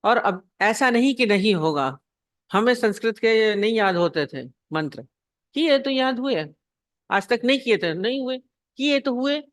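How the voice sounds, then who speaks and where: A woman's voice: fairly high pitch, animated, a little slow, no echo, studio quality. A woman spiritual teacher giving a devotional discourse. She asks rhetorical questions, repeats her points and acts out short anecdotes.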